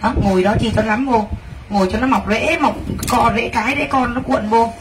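A woman with a fairly high, brisk voice runs a live clothing sale, gushing with excited exclamations and speaking directly to her viewers. She sits far from the mic, and faint background noise can be heard.

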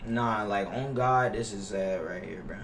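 An unhurried young male livestreamer gripes and curses his way through a basketball video game, mixing casual chat with gameplay reactions in slangy language. The mic is distant and off-axis, so his middle-pitched voice carries room echo, background noise and keyboard clicks.

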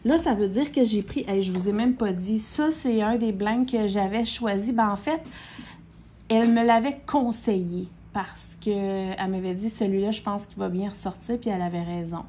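A woman with a Québécois French accent gushes excitedly while unboxing crafting pens, breaking into gasps and squeals. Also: medium pitch, normal speed, a little hiss or hum. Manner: gushing, with gasps, squeals and repeated exclamations. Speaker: diamond painting vlogger.

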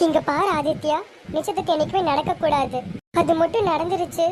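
A high-voiced girl playing an emotional young college girl. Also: brisk, lightly acted. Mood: distraught. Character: young woman college student, lovestruck and emotional. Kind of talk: amateur serial drama acting. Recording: noisy amateur home recording.

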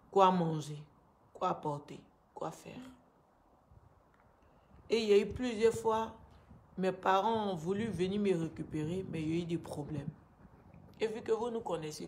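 A woman in her thirties with an Ivorian accent in her French, giving a halting, distressed and grieving personal testimony to camera. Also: lowish voice, darkish tone, slight background noise. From Ivory Coast. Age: 30s. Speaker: vlogger making a personal appeal. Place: small indoor room at home. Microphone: phone at arm's length.

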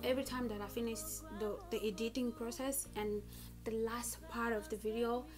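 A woman's voice: on the high side, little pitch movement, moderate pace. A young woman chatting casually as a beauty vlogger giving a makeup tutorial, recorded on a phone in a room at home. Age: young adult. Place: small room at home, indoors. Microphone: smartphone at about arm's length. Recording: music playing behind the voice. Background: background music.

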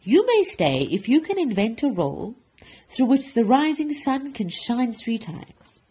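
A woman plays an imperious storybook duke with a hot temper. The voice is husky and pitched well up, pushing out commands with heavy, forceful emphasis. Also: very animated, a little slow, full character voice. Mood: stern, demanding. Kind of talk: storybook character voice.

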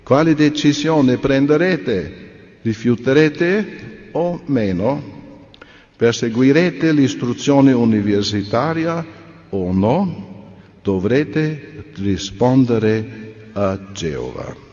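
A man delivering a sermon in an earnest, measured way, full of rhetorical questions to his listeners. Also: mid-range voice, animated, a little mellow. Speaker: speaker at a religious convention. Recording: dull reverberant recording.

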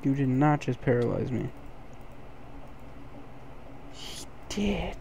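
Male gaming host, slow, gravelly, sleepy late-night commentary kept quiet. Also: medium pitch, lively intonation, a little hiss or hum. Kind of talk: gameplay commentary.

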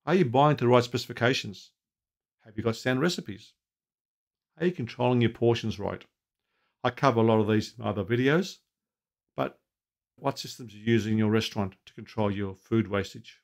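A man's voice: mid-range voice, a little fast, long pauses. A man in his sixties talking to camera from a home office, giving practical, anecdotal advice on running a restaurant and putting questions to viewers. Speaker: restaurant consultant. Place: home office with bookshelves, indoors. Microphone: webcam at desk.

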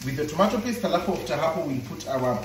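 A man with a Kenyan accent giving a relaxed, chatty home cooking tutorial, switching between Swahili and English. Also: fairly high pitch, fast. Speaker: home cook vlogger. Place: home kitchen. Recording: echoey kitchen with loud frying sizzle.

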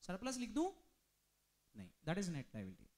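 A man's voice: sits high, wildly swooping pitch, darkish tone. Man drilling a class with questions. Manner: drills students with rapid questions; mixes Hindi with English terms. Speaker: commerce teacher. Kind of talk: classroom lecture.

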